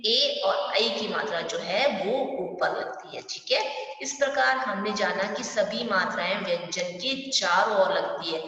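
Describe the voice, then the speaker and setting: A woman's voice: medium pitch, measured pace, a bit bright. Patient teacher woman in an echoey room. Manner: patient, explains step by step with frequent questions to pupils. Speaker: primary school Hindi teacher. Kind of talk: online class lesson. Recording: distant, echoey, dull room recording.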